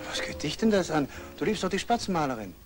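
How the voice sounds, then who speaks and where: An actor playing a charming male painter who courts a young woman, with a soft, persuasive manner, in old German film acting. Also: fairly high pitch, very animated, quick pace, music in the background.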